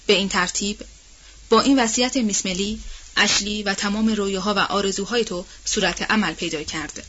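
Give me a woman narrating a novel in a measured voice, on a muffled audiobook track. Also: mid-range voice, fairly bright tone, slight background noise. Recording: dull, muffled audiobook recording.

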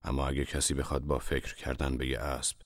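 An actor playing an irritable old master painter who scolds and lectures in a gruff voice. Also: male voice, a bass voice, completely flat delivery, no echo, clean studio sound. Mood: lecturing. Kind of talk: audio drama acting.

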